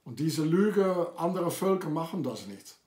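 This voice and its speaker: A man's voice: a little high, sing-song, a little slow, a little mellow, echoey room. A man delivering an accusatory, insistent monologue to camera, with frequent hesitations. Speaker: video maker. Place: lives in France.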